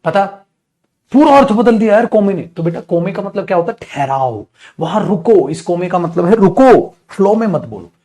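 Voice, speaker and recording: Teaching a live class online, a high-pitched male teacher keeps things lively by asking and answering his own questions. He refers to his students as "beta" and slows down to spell out English example sentences.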